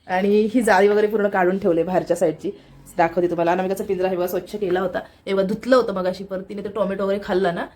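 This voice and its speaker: A woman's voice: mid-range voice, fairly even intonation, rapid-fire, darkish tone. A woman vlogger chatting casually as she walks a phone camera around her home and kitchen, pointing things out as she goes and getting over a cold and fever. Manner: chatty, repeats "look here" as she shows the camera around. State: recovering from a cold and fever, feels weak. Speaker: family vlogger. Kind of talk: casual home tour vlog. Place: apartment home, indoors, in the kitchen and by the windows.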